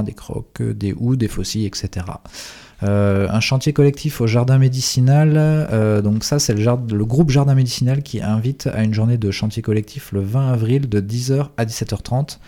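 A man's voice: mid-range voice, warm tone. A man on a community radio show reading out a series of event announcements. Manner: reads text with some fillers.

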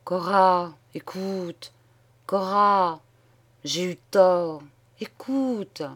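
A woman's voice: on the low side, very slow, fairly bright tone, full character voice. Brief: woman doing a pale little clerk, stammering and overwrought. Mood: pleading. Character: small pale bald male clerk, frantic.

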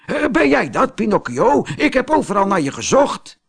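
A man doing a high, eager storybook dove. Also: sing-song, normal speed, vocal fry, slightly rough, full character voice. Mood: urgent. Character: helpful big dove, eager and caring. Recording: music playing behind.

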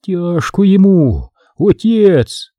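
A man's voice: very animated, very slow, dry recording, narrow, tinny audio, exaggerated voice. A man voicing a frail, toothless old peasant woman who mumbles and laments in a raised, strained voice. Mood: lamenting. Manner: lamenting, then shrill and threatening.

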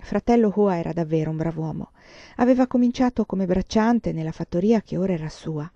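A woman reading a novel aloud in a calm, measured storytelling manner. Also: on the low side, no echo, lo-fi sound. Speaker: audiobook reader.

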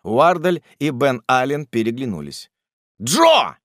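A man narrating a classic novel as an audiobook, in an animated, theatrical storytelling manner. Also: mid-range voice, normal speed, no room sound, studio quality.

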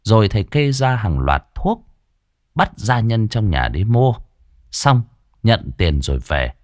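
A man's voice: lowish voice, a little slow, dry recording, clean studio sound. A man narrating a horror folk tale in a dramatic storytelling style. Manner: animated, swooping delivery. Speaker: audiobook narrator.

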